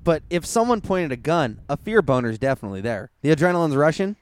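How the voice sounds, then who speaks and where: A man's voice: a little high, very animated, fast talker, clean tone. Teasing, foul-mouthed man. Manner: teasing, swearing, laughing often. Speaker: podcast co-host. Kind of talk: crude casual chat.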